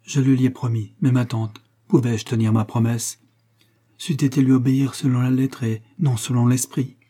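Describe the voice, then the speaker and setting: A man's voice: mid-range voice, little pitch movement, normal speed, warm tone, husky, close to an everyday voice. A man reading an audiobook voices an earnest, lovesick young woman in a raised, pleading tone. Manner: emotional, pleading.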